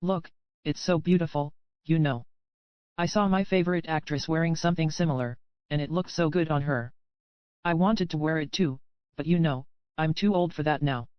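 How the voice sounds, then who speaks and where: A woman's voice: sits low, moderate pace, clean tone, no room sound, lightly acted. A woman narrator voicing a fussy middle-aged mother who rambles and scolds, in a clean, dry, slightly muffled recording. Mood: enthusiastic. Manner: rambling, eager, then scolding.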